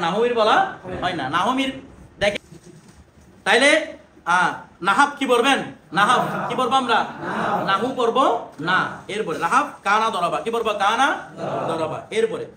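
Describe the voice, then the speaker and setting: A man teaching a class, drilling pronunciation and quizzing his students. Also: extremely high pitch. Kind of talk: classroom lesson. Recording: echoey room with background noise.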